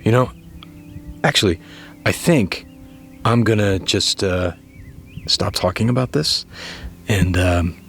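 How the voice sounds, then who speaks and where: A man hosting a reflective conversation, speaking in a thoughtful, deliberate and halting way. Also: fairly low pitch, creaky, a bit bright. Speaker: host. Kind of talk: reflective interview and casual musing.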